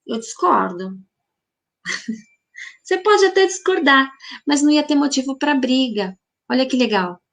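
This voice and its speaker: She speaks in a high, animated voice, unhurried and pausing often. As host of a spiritual healing group, she muses through a live reflective talk, replying to viewer comments with a stream of rhetorical questions.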